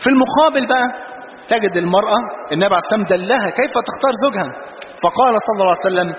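Rapid high-voiced Egyptian preacher in a hall. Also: male voice. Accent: Egyptian Arabic. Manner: animated storyteller, mixes jokes with religious phrases. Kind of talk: sermon with humorous anecdotes. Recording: dull, roomy, noisy hall recording.

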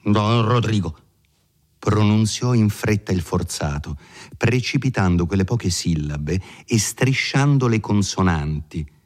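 A man reading a classic novel aloud as audiobook narrator, in a measured, dramatic manner. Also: lowish voice, animated, darkish tone. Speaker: audiobook reader.

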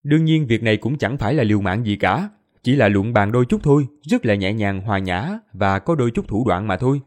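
A man narrating a fantasy audiobook in an expressive storytelling manner. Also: on the low side, a little fast. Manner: expressive storytelling, voices all characters.

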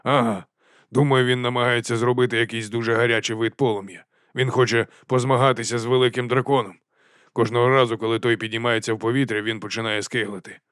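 A man voicing a gloomy, curt middle-aged watch captain in an audiobook, speaking slowly. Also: medium pitch, flat delivery, fairly bright tone, clean tone, no room sound, studio quality, close to an everyday voice. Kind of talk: audiobook character voice.

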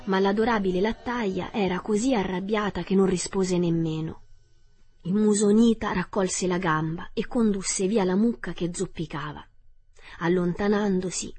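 A woman narrating a story aloud in calm, measured audiobook style. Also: mid-range voice, breathy edge, dry recording. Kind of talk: audiobook reading.

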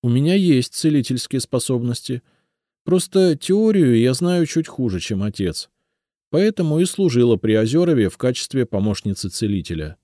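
A man's voice: medium pitch, animated, normal speed, warm tone, no room sound, studio quality, pitched above the performer's own voice, lightly acted. A man voicing a young female healer who speaks earnestly and pleads, in an audiobook. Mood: confiding.

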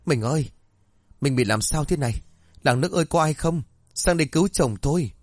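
A man's voice: lowish voice, animated, quick pace, a little mellow, no room sound, studio quality. A man voicing a harsh, foul-mouthed middle-aged village aunt who scolds and barks orders. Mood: wailing.

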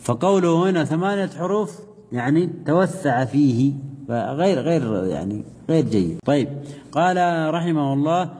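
A man's voice: a little high, expressive, mellow, slightly rough, long reverb tail. A man teaching a grammar lesson, reading a text aloud, then asking the class questions and answering them himself. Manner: reads source text aloud then explains slowly.

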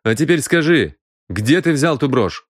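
A man's voice: mid-range voice, very animated, a little slow, dry recording, voice pushed up. A man voicing a stern middle-aged detective who speaks in a dry, curt way.

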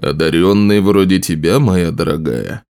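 A theatrical nobleman who loves a grand plan, as a male narrator puts him on. His low, mellow voice moves slowly and deliberately. Every word sounds self-assured. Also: gravelly. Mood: scheming. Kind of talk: audiobook role reading.

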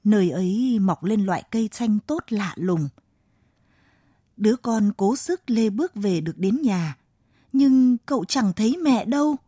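Slow gentle woman telling a children's story. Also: medium pitch, animated, breathy edge, dry recording. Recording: dry close mic, faint music behind.

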